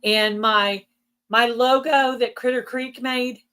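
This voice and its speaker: This is casual, chatty conversation from a woman whose allergies are costing her her voice, prompting throat clearing. She sounds fairly high and steady, slow, bright and forceful, with a clean tone.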